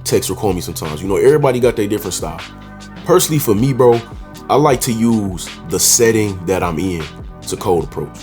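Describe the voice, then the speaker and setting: A man's voice: on the low side, lively intonation, a little fast, darkish tone, soft background music. A man talking casually to camera, giving dating advice in a confident, slangy way and often calling the listener "bro". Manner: confident, emphatic.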